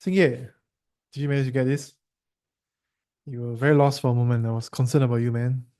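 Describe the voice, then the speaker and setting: With a Singaporean English accent, a male tutor guides a student through science, quizzing and teasing him in an easy, chatty manner. His voice is warm, mellow and steady at an ordinary pitch, moving a little fast.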